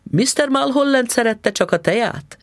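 A woman's voice: on the high side, animated, dry recording, clean studio sound, voice pushed up. A man voicing a sweet, doting elderly landlady who is fussy and forgetful, with cooing, sing-song endearments, in a storybook reading.

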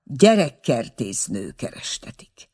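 Male narrator voicing proud young woman, indignant and tart, husky. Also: mid-range voice, sing-song, darkish tone. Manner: scolding, indignant.

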